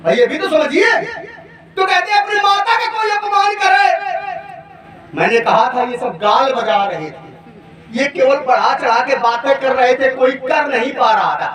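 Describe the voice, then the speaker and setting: A man playing a proud, defiant young warrior prince in a village stage debate, mocking his opponent with shouted questions and chanting verses in drawn-out lines. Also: very high voice. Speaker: Ramlila stage actor. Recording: distant echoey live stage recording with loud crowd.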